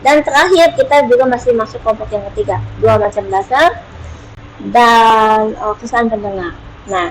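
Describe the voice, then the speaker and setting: A woman teaching an online Bible study in a casual, unhurried way, pausing often with hesitations and acting out prayers with lively emphasis. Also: a little high, slight background noise, low-quality recording.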